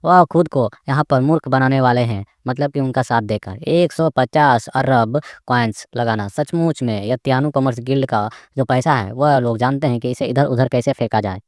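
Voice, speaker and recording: A man's voice: medium pitch, normal speed, hardly any pauses, no room sound, studio quality, natural voice. A man voicing a gloating, spiteful old woman who laughs and mocks while she counts down, in a manga recap story.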